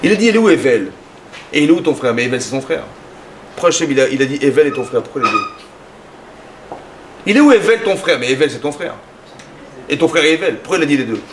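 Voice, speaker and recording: A man giving a lively sermon as a rabbi, acting out little dialogues in his talk. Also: fairly quick, long pauses, a little hiss or hum. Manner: animated, acts out dialogues with rising pitch.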